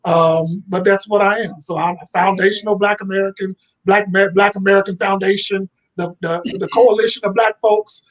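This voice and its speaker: Guest: man, fairly high voice, blunt and cussing, heard over a video call. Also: fairly even intonation, normal speed, hardly any pauses. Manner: blunt, profane and emphatic. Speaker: panel guest. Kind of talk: casual talk on a live video call.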